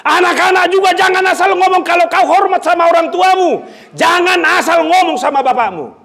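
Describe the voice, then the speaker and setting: Male pastor, very high voice, lively sermon with shouted points and playful asides. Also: fairly quick. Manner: animated, switching between shouting and joking asides.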